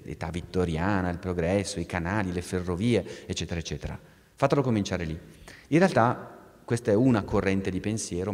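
A man giving a live public science lecture, animated and discursive, restarting phrases and turning to the audience with asides. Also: sits low, big-room sound.

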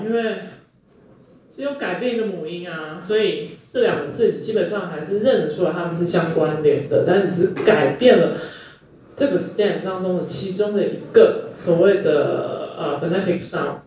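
A man's voice: fairly high pitch, dark tone, a little hiss or hum. A male university lecturer, teaching a class and quizzing students with repeated questions. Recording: echoey room, distant mic, muffled.

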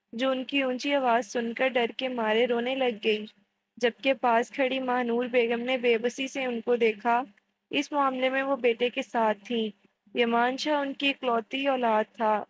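A woman narrating a romance novel aloud in a steady storytelling manner. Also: a little high, a little hiss or hum, low-quality recording. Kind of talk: romance novel audiobook reading.

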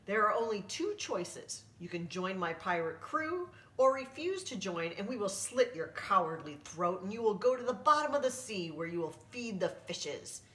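A woman voicing a fierce, bossy pirate queen with gruff, threatening pirate talk. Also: mid-range voice, very animated, moderate pace, few pauses, fairly bright tone. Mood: menacing. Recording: roomy, distant mic.

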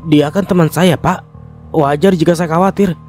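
A man's voice: medium pitch, measured pace, faint music behind, close to an everyday voice. A man voicing a polite, bewildered young woman visiting the village. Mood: confused.

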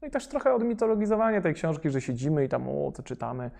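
A young man speaks in a gravelly, dark voice, hesitating often with fillers and restarts. He picks up energy when excited, then trails off into softer asides. Casual interview talk from a young rapper. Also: a little high, fast. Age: young adult.

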